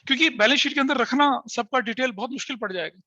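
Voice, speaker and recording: A male teacher lecturing a class with a bright, forceful voice. He checks often that the students are following. The recording is dry and slightly dull. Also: very high voice, fast talker, dry recording. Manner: explains step by step with frequent checking questions to students; mixes Hindi with English terms.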